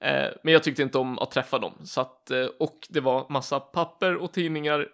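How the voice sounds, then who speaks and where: A man's voice: medium pitch, steady tone, creaky, a bit bright. A young man telling a rambling story in casual chat, full of fillers.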